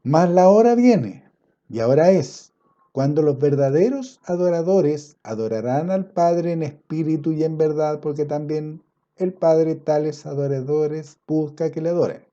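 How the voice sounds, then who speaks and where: A man preaching a sermon, swinging between loud emphatic passages and low quiet asides, and drawing out scripture quotes slowly. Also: muffled recording. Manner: quotes scripture in a slow, drawn-out cadence.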